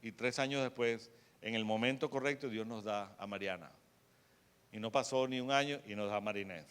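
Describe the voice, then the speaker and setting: A man preaching a sermon as pastor of a church, sharing a testimony, swinging from soft to loud. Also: lowish voice, moderate pace, smooth. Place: church in Miami.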